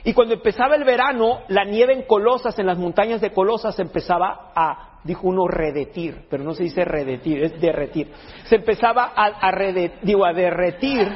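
A man preaches with a high, husky voice. He jokes and restarts phrases as he goes, and his words ring through a long hall echo on a dull, lo-fi recording. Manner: jokey, conversational preaching with frequent restarts. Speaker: pastor. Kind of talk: sermon.

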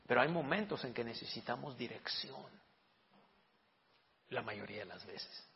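Gravelly-voiced male pastor preaching. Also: medium pitch, expressive, normal speed, a little hiss or hum. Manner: conversational preaching, frequent rhetorical questions, repeats words. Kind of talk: sermon. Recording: dull lo-fi recording.

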